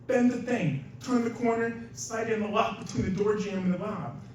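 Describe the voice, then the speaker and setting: A man's voice: high voice, moderate pace, a little mellow, far from the mic, slight background noise. Young man telling a story live, echoey room. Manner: casual, chatty, laughs often, acts out quotes. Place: small venue in front of a live audience. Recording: roomy live venue recording from afar.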